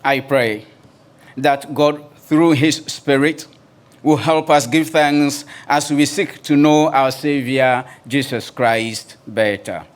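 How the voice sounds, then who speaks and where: Slow, measured male preacher. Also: mid-range voice. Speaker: guest pastor. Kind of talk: sermon.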